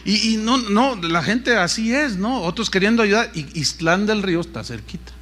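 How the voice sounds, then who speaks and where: A man with a Mexican accent, a preacher telling a personal story in a sermon, animated and acting out the voices of others. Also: high voice, moderate pace. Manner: animated, acts out quoted voices, frequent restarts.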